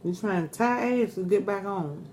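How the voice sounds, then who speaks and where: A woman's voice: medium pitch, moderate pace, darkish tone, a little hiss or hum. A middle-aged woman chatting casually and giving earnest advice while eating crunchy fried chicken in a mukbang. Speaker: mukbang host.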